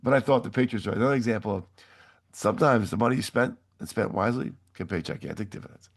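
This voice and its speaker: A hoarse man hosting a weekly market commentary, chatty and opinionated in a casual, straight-talking way. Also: on the low side, animated, quick pace.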